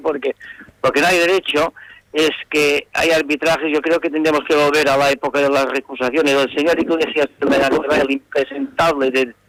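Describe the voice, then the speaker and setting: A man's voice: a little high, fairly bright tone, dry recording, low-quality recording. A man talking as a football pundit on a radio show, indignant and repeating himself as he rants about a match. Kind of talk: heated sports radio debate.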